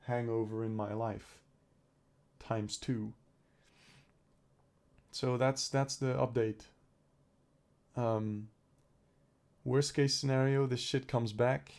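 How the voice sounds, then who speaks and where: His medium-pitched voice is creaky and a little mellow. The speaker is a young vlogger recovering from a cold, his throat clearing up, who rambles and swears while thinking aloud in a personal video diary.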